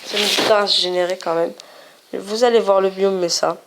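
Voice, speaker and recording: A woman with a mid-range, fairly bright voice talks fairly quickly and in a steady tone, with a little hiss or hum audible. She hosts a casual gaming video in a playful, chatty way, often repeating things as she shows them on screen.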